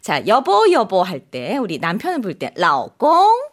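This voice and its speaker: Animated woman teaching with a coaxing tone. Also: mid-range voice, normal speed. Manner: animated, coaxing, keeps asking "right?". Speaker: Chinese language teacher. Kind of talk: lively radio language lesson.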